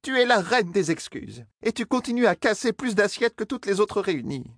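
A man's voice: on the high side, expressive, moderate pace, no room sound, clean studio sound, pitched above the performer's own voice. A man voicing a fussy, bustling middle-aged female innkeeper who scolds and clucks like a flustered mother hen, in an audiobook. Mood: scolding. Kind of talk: audiobook character voice.

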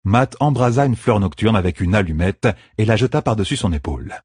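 Deep husky male audiobook narrator. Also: expressive, darkish tone, no room sound, studio quality. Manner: slow, measured reading. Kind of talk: scripted narration.

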